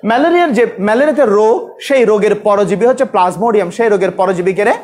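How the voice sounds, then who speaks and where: A man's voice: high-pitched, racing, a little mellow. A male biology teacher lecturing a class, drilling students with repeated questions and scolding those who talk.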